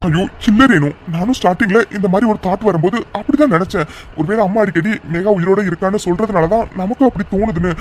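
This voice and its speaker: A man voicing a calm, reassuring young adult son in a cartoon drama. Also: high voice, fast talker, slight background noise, natural voice. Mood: earnest. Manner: gentle, reassuring. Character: grown son, calm and soothing.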